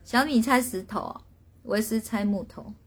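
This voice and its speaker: A woman's voice: mid-range voice, unhurried, breathy edge. A woman, a spirit medium hosting a casual live stream, telling a story and reading out viewers' guesses with lots of laughter.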